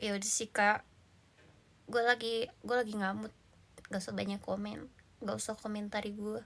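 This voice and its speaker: A woman's voice: medium pitch, flat delivery, moderate pace, gravelly. A woman livestreamer chatting casually with viewers in a blunt, slangy, bantering manner.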